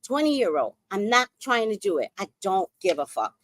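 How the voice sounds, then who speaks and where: A woman's voice: mid-range voice, very animated, normal speed, fairly bright tone, dry recording. A woman in her sixties telling a story in a casual, profane, dramatic way as a podcast host. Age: 60s.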